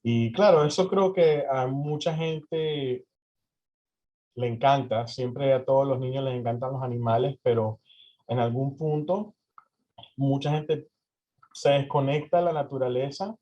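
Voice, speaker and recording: This interview guest is a young man from Venezuela with a medium-pitched voice and a slightly slow delivery. He stumbles through his answers with frequent fillers and false starts, captured on somewhat dull lo-fi audio.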